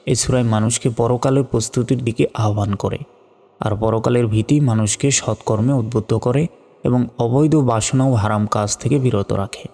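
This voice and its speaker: A man teaching Quran recitation, carefully spelling out each letter and vowel mark, then chanting the words in long drawn-out tones. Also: mid-range voice, fairly even intonation, warm tone, in a large hall. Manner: slow, deliberate spelling out, drawn-out melodic recitation.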